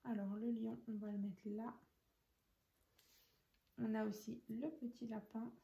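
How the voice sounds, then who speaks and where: A woman's voice: a little high, level tone, a little slow, gravelly, warm tone, dull audio. A woman hosting a casual craft tutorial, chatting and thinking aloud as she works and counts out pieces. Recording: echoey room.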